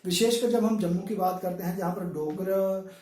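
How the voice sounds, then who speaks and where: A man teaches pronunciation, stretching sounds out to show how they are made. He speaks from a little way off the mic, and the room adds a clear echo. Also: high-pitched, steady tone, dark tone. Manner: slow, drawn-out demonstration of sounds with fillers. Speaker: Hindi lecturer. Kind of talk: classroom-style pronunciation lesson. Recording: echoey room, voice from a distance.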